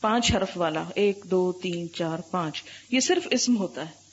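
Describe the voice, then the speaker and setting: Husky-voiced woman teaching grammar in class. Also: on the low side, lo-fi sound. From Pakistan. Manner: quizzes the class constantly, drawing out letters and examples slowly. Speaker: Islamic scholar teaching Arabic grammar. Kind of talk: classroom lecture with questions to students.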